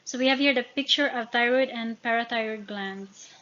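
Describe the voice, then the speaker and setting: A Filipino educator from the Philippines, a native Tagalog and Visayan speaker, gives an informal lesson while reading study notes. Her fairly high voice has a bright, forceful tone and a Filipino accent, and she halts and corrects herself over technical words. The recording is somewhat dull and lo-fi, with slight background noise.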